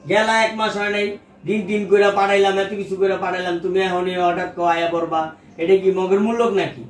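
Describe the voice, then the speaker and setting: A man playing a fast-talking indignant son. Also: sits high, flat delivery, lightly acted. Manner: rapid, agitated scolding in dialect. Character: indebted adult son, defensive and scolding. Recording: echoey room, far from mic, faint noise.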